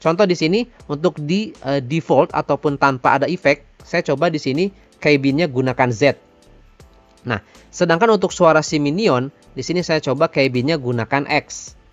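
A man's voice: a little high, moderate pace, no room sound, dull audio, soft background music. Casual man presenting a tutorial. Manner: informal, addresses viewers as friends.

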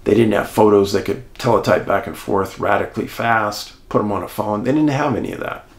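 A man hosting and telling a true-crime mystery story in an animated way, speaking straight to his listeners. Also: lowish voice, a little fast, echoey room. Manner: animated, addresses listeners as folks. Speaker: host and storyteller.

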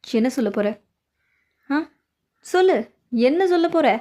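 A woman's voice: fairly high pitch, takes it slowly, warm tone. A woman doing a frantic, pleading young wife. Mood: urgent. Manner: pleading, urgent. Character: anxious young woman pleading with her husband. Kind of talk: amateur fan dub of an animated story.

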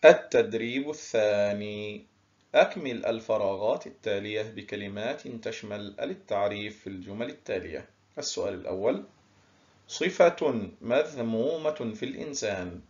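A male primary school teacher giving a recorded lesson, stretching key words slowly and praising his pupils often. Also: on the low side, lively intonation, darkish tone, muffled recording. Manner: slow, drawn-out word stress, praising pupils.

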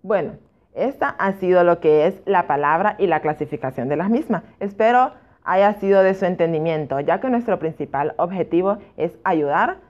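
A woman teacher explaining a class slowly and methodically, listing examples one by one and correcting herself as she goes. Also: on the low side, animated. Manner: slow and methodical, gives examples, self-corrects. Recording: dull lo-fi recording.

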